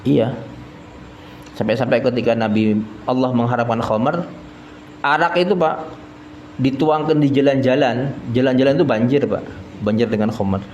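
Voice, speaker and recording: A man's voice: medium pitch, fairly even intonation, normal speed, long pauses, darkish tone, lo-fi sound. A man gives a folksy study sermon in a prayer hall, often turning to the listeners as sir. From East Java, Indonesia. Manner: folksy, keeps addressing listeners as sir, chuckles at own jokes. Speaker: religious teacher. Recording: echoey prayer hall, faint noise.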